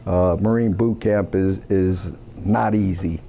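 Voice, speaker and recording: Older man recalling memories, mellow. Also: sits low, steady tone, a little hiss or hum. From Cleveland, Ohio, USA. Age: 70s. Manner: plainspoken, halting with many uhs. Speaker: veteran interviewee. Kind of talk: recounting memories in an interview.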